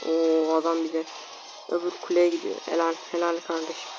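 A woman's voice: low voice, completely flat delivery, a little fast, highs cut off, over music. A woman casually commenting on her own mobile game matches, talking to viewers and opponents, grumbling, exasperated and self-mocking. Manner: self-mocking, jokey asides.

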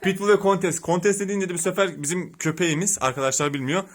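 A man's voice: high voice, steady tone, quick pace. A man hosting a family quiz challenge in casual chat, playful and teasing, often breaking into laughter. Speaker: channel host running a family quiz challenge. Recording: home video with loud background noise.

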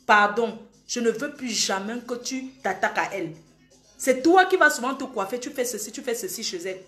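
A young woman with a high voice scolds her live-stream audience and hammers each warning home. She is recorded in an echoey room with faint music behind her. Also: lively intonation, brisk, a bit bright. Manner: scolding, emphatic, repeats warnings. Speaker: social media live host. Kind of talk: heated live-stream monologue.

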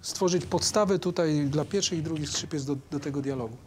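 A man's voice: fairly high pitch, fairly quick. A man coaching a string orchestra in a rehearsal, speaking with hesitations and singing rhythms aloud. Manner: hesitant, sings rhythms and counts beats aloud. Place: rehearsal room with a string ensemble.

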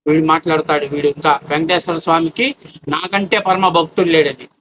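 Fast, bright-voiced man ranting angrily. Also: on the high side, steady tone, slight background noise. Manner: abusive, taunting, shouting rhetorical questions. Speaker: political commentator. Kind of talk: angry political rant.

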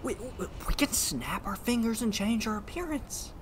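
The voice is on the high side, animated, and close to how she'd normally talk, at a moderate pace with a little hiss or hum. She's acting in an audio drama as a superpowered slacker who stammers, swears, uses slang, and obeys rules only reluctantly. The mood is angry and exasperated.

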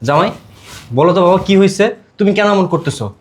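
Performer as placating middle-aged husband, mild, fast. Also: medium pitch, natural voice.

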